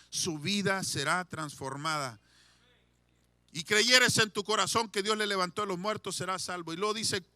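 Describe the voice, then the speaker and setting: A male pastor preaches a sermon, swinging between shouted declarations and hushed pleading while leading the congregation in call-and-response. His voice is high-pitched, with no room sound.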